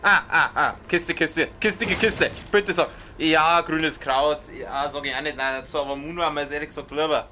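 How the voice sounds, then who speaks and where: A man with a Bavarian accent doing excited, swearing let's play commentary on a horror game, often yelling and yelping. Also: on the high side, moderate pace, few pauses, slight background noise.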